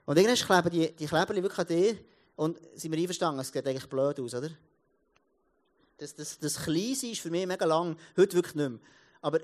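A man in his thirties with a Swiss German accent, giving a casual sermon as a pastor, telling stories with many restarts. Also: fairly high pitch. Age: 30s. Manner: lively storytelling, many restarts and repeated words.

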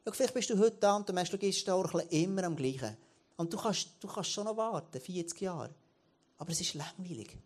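A man, preaching to his church in an animated way, often restarting and repeating words. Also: sits high, brisk. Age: late 30s. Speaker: church leader. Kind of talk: sermon.

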